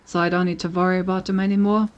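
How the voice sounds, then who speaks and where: A woman's voice: on the low side, racing, dull audio, slight background noise. Chatty woman streamer playing a game. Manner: chatty, relaxed, thinking aloud. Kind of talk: casual gameplay commentary.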